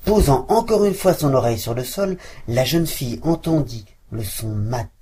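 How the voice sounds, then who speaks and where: A woman reading a fairy tale aloud to a child, expressive and lively. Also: extremely low pitch, normal speed, background noise.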